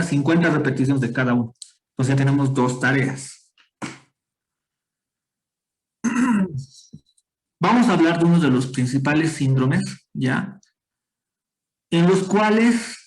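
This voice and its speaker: Guy giving a med class online, kinda high voice, keeps asking the students stuff. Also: poor audio. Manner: explanatory, quizzes students, frequent tag questions. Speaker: medical lecturer.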